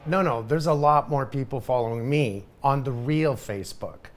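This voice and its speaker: A middle-aged man tells a story on his own podcast in an animated, emphatic way. His speech is casual, and he keeps circling back to the same points. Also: medium pitch, moderate pace. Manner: animated, emphatic, repeats himself. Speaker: podcast host.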